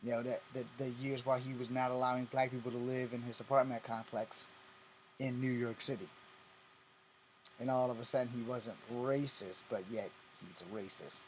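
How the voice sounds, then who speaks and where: A man's voice: medium pitch, level tone, normal speed, darkish tone, poor audio. Fifty-something man from Virginia, blunt cursing vlogger, slight background hiss. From Virginia, USA. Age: 50s. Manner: blunt, profane, repetitive. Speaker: vlogger host. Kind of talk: casual ranting vlog.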